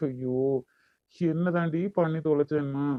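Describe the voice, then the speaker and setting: A man's voice: on the high side, fairly even intonation, a little slow, no echo, close to an everyday voice. A man voicing a bossy hot-tempered young lover. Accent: Kanyakumari Tamil. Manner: demanding, brusque. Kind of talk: cartoon voice acting. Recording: dull lo-fi recording.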